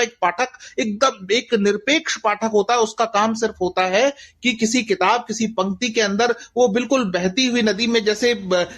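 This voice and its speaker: A middle-aged man from Bastar, India, speaks with an Indian accent in a high-pitched, slightly bright voice. As a guest author, he gives reflective interview answers that are earnest and rhetorical, repeating phrases for emphasis.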